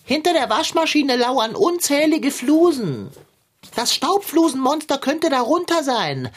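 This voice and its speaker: A woman's voice: high-pitched, big pitch swings, a little slow, slight background noise. A woman voicing a fat, anxious, fussy pet tomcat in a radio play, theatrical and easily frightened. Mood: nervous.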